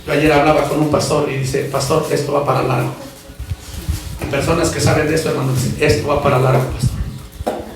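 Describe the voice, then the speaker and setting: A man with a Mexican accent, a pastor preaching a fervent sermon that moves from quiet asides to shouted emphasis and questions to the congregation. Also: on the high side, flat delivery, a little fast. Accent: Mexican Spanish. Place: church hall. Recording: echoey room from far off.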